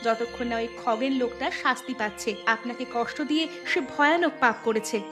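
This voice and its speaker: A woman's voice: a little high, fairly quick, over music, close to an everyday voice. A woman voicing an earnest, caring young village woman in a cartoon, with a respectful manner. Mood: indignant, resolute. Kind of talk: cartoon voice acting.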